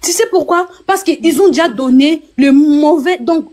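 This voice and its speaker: A woman from Kinshasa joins a live-stream debate as a guest, her fairly high voice trembling with emotion. She talks insistently and keeps apologizing as she makes her point. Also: unhurried, darkish tone. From DR Congo, Kinshasa.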